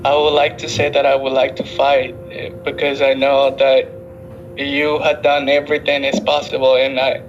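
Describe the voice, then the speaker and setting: A man's voice: mid-range voice, completely flat delivery, normal speed, faint music behind. Scared, hesitant man on a dull line. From Honduras. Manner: hesitant, fearful. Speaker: client in detention.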